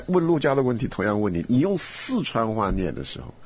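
Husky lively man on a lo-fi recording. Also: medium pitch, moderate pace. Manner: animated, laughing, rambling asides. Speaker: host. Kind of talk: casual Bible study chat. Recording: dull lo-fi recording.

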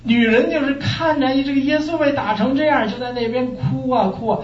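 A man from China preaching a sermon, telling stories lively and asking rhetorical questions. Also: extremely high pitch, a little fast, slight background noise. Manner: animated storytelling with rhetorical questions. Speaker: pastor. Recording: echoey room, distant muffled mic.

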